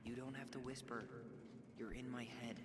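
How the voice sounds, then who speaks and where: An actor playing a quiet young man with a dry, understated way of talking, heard as game audio. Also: mid-range voice, fairly even intonation, moderate pace, natural voice. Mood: wry. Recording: game audio with ambient noise.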